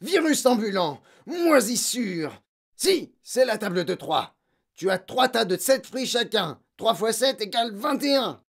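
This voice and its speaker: A narrator voicing a huge, brutal, bullying headmistress in an audiobook, barking and shouting insults. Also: mid-range voice, sing-song, normal speed, vocal fry, pitched above the performer's own voice. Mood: furious. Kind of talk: audiobook character voice.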